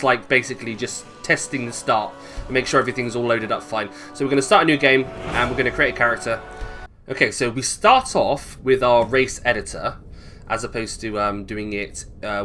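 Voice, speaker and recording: A British man hosts a gaming video, rambling casually through a playthrough and thinking aloud as he goes. His mid-range voice comes across pushed and bright. Video game music plays behind him.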